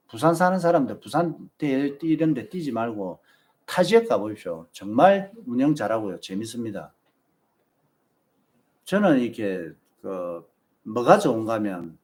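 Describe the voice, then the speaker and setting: A man's voice: mid-range voice, darkish tone. A man with a Busan Gyeongsang accent, hosting a marathon channel and chatting casually with viewers and giving them advice. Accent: Busan Gyeongsang Korean. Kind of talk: casual live-stream chat.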